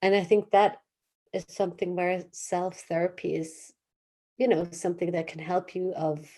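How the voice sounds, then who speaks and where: Low-voiced woman talking in restarts. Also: level tone, moderate pace, warm tone. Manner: searching for words, many fillers and restarts. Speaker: therapist guest. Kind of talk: casual interview talk.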